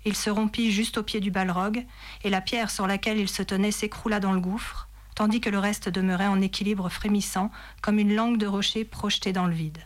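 A woman's voice: medium pitch, fairly even intonation, brisk. A woman reads an epic fantasy passage aloud, pacing it like a storyteller. Her voice sits in an ordinary middle register and builds the drama through delivery. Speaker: reader. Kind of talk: expressive reading of a novel passage.

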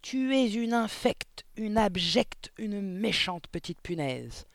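A towering, tyrannical headmistress, put on by a man reading aloud barks insults in a raised, loud voice. Her ranting comes across as dry and close, with nothing of a room around it. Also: a little high, fairly quick, vocal fry, no echo. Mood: raging. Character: huge furious tyrannical headmistress woman. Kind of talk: audiobook character reading.

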